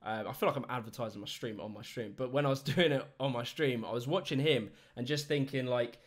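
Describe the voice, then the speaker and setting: A man's voice: mid-range voice, fairly quick. A young British man hosting a casual chat, telling stories with lots of laughter. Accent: British English. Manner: animated storyteller, laughs often, does mock voices. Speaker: host.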